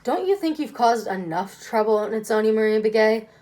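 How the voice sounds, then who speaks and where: A woman's voice: a little high, expressive, normal speed, dark tone, close to an everyday voice. A woman voicing a stern, angry father who scolds his daughter firmly and emphatically in a children's book reading.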